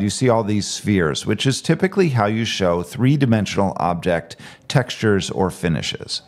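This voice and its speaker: A man calmly talking step by step through a screen-recorded software tutorial. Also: lowish voice. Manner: calm step-by-step explaining. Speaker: tech tutorial presenter.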